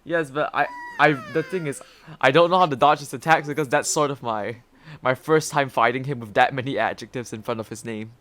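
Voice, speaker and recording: A man's voice: medium pitch, fairly even intonation, brisk, fairly bright tone, slight background noise. A young man, rambling and laughing through casual gaming commentary as a streamer, with lots of stammered restarts.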